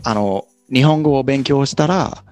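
A man teaching pronunciation, coaching and correcting with lively encouragement and frequent laughter. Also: medium pitch, measured pace, faint music behind. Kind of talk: casual pronunciation lesson.

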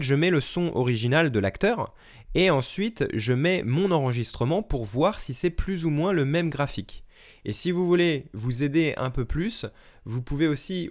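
A French man hosts his own language-learning podcast, speaking solo into a podcast microphone. He explains practice methods in a relaxed, friendly way, often pausing with fillers and correcting himself mid-sentence. His voice sits at an ordinary middle pitch. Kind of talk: solo podcast advice talk.

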